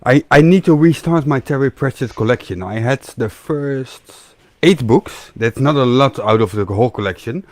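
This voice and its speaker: A man's voice: mid-range voice, animated, normal speed, a little mellow, dry recording. A man co-hosting a live stream in casual chat, friendly and moderating, reading out donations.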